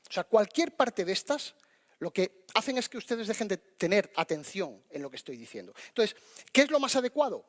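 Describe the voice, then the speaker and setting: A man giving a lecture on public speaking to an audience, talking to them directly and lively, with many restarts. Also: sits high, brisk, in a large hall.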